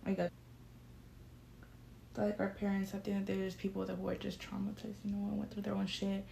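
A woman's voice: medium pitch, monotone, quick pace, creaky, warm tone. A young woman co-hosting a casual podcast chat, talking with lots of fillers and bits of slang. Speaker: podcast co-host. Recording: echoey room with faint noise.

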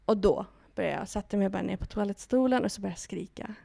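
A woman guest on a podcast, telling a personal story in lively detail with quoted dialogue and frequent hesitation fillers. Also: medium pitch, creaky, no echo. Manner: animated retelling with quoted dialogue and many fillers.

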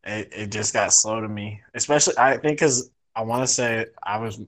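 A man's voice: on the low side, moderate pace, a bit bright. American guy chatting on a podcast, slangy casual banter, says stuff twice for emphasis.

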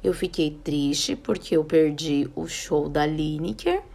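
A young Brazilian woman from the São Paulo area hosts a podcast, telling a story casually and acting out the dialogue with lively voices. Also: deep voice, takes it slowly, vocal fry. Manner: animated, acts out quoted dialogue. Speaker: podcast host.

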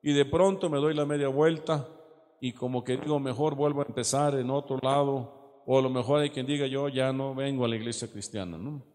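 A man teaches a sermon in a church hall, his voice trailing off into a long reverb. He explains patiently, keeps asking "¿verdad?" and slows to read the verses aloud. His voice sits at an ordinary middle pitch. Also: fairly even intonation, darkish tone. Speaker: preacher.

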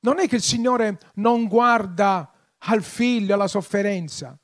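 A man preaching a sermon, passionate, swelling into loud, emphatic appeals. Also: high voice, measured pace. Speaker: pastor.

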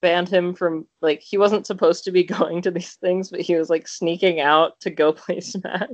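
A man's voice: sits high, little pitch movement, normal speed, dry recording, lo-fi sound. A young man co-hosting a podcast, telling a story in casual chat, rambling with lots of fillers and restarts. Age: young adult. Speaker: podcast co-host.

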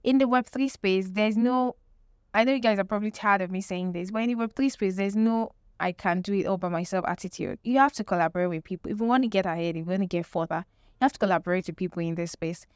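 A woman's voice: mid-range voice, fast talker, smooth, dry recording, studio quality. A woman presenting an explanatory lesson with tips, emphatic, repeating key phrases and posing rhetorical questions. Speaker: presenter teaching marketing tips.

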